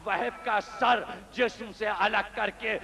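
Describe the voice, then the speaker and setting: A man's voice: sits high, flat delivery, bright, forceful tone. A male preacher narrating a majlis sermon with dramatic, impassioned storytelling in a gathering hall. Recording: echoey hall reverb.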